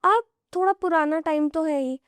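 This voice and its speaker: A young woman with a very high, fairly bright voice tells horror stories on a podcast at a moderate pace. As a guest storyteller she's casual and pulls listeners into what-if scenarios, with no room sound on the recording.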